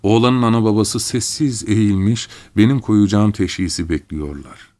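A man with a fairly low voice reads a literary story aloud in the first person. His telling is measured and steady, in the manner of an audiobook narrator.

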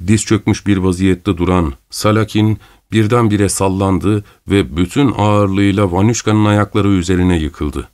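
A man narrating a story aloud in a steady, even storytelling manner. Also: on the low side. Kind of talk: audiobook narration.

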